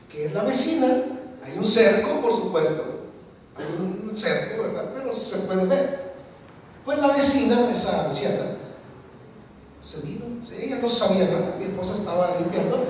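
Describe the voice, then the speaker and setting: A man preaching a sermon, his voice pitched high as it moves between hushed storytelling and emphatic declarations. He is heard from a distance in a church sanctuary, and a long, roomy echo trails each phrase. The sound is that of a congregation recording made from the back of the hall. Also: slight background noise. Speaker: pastor. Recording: echoey church hall, mic from far off.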